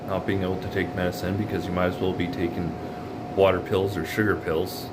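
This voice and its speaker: A man giving a casual video diary, weary, subdued and halting with long pauses, sounding weak and in pain after surgery. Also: low voice, little pitch movement, heavy background noise.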